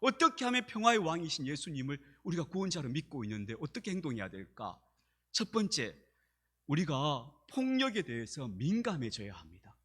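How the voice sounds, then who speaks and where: Male pastor, animated sermon delivery, high and breathy-edged. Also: fairly quick. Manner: animated preaching that acts out quoted speech.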